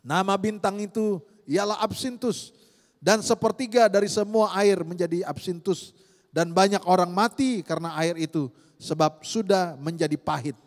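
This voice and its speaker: A man preaching a sermon to his congregation, swinging between loud high exclamations and soft low murmurs. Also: normal speed. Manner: keeps addressing the congregation as "saudara". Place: church hall. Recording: long reverb of a large hall.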